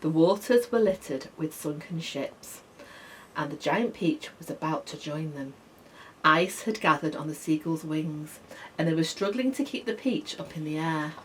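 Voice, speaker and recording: Expressive woman reading a storybook. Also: deep voice, normal speed, a little hiss or hum. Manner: expressive, softening to near whisper at calm moments. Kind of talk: storybook read-aloud.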